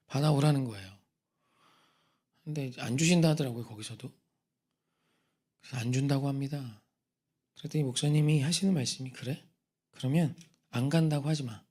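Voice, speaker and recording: A man preaching a sermon, telling a personal story in a husky voice that drops to hushed whispers and rises to loud emphatic outbursts. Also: mid-range voice. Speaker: pastor. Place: church sanctuary.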